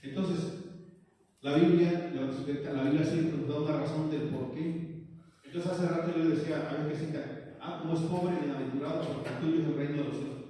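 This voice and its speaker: A man preaching a sermon in a church, reading scripture slowly and putting questions to the congregation. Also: fairly high pitch, steady tone, dark tone. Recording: echoey church hall, mic far off.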